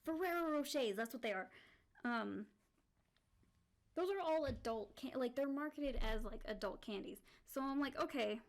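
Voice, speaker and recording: Drawing as she streams, this woman talks in a high-pitched, expressive voice at an ordinary pace. Her casual chatter wanders, full of "like" and sentences she starts over. Soft music sits faintly behind her.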